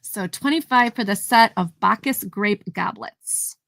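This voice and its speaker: A woman's voice: medium pitch, unhurried, creaky, a bit bright, no echo. A woman hosting a casual live vintage sale, chatting as she describes each item in detail and counts down the sales. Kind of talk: casual live-stream selling.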